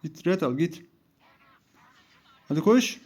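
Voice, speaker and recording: A man's voice: on the high side, big pitch swings, slow pace, a little mellow. A young man commentating live over his mobile game, heated and mocking as he scolds his teammates. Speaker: gaming YouTuber.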